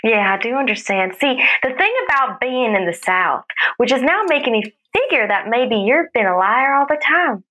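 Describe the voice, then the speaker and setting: A woman's voice: fairly high pitch, animated, normal speed, hardly any pauses, pushed and bright, poor audio. A woman playing a sweetly scolding restaurant manager, polite but cutting, in improvised comedy.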